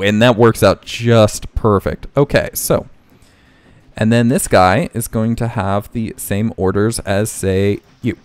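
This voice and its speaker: Slow, easygoing man narrating gameplay. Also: on the low side, clear, resonant tone, dry recording. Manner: thinks aloud, self-correcting, relaxed. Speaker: let's play host. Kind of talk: casual gameplay commentary. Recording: game music playing faintly underneath.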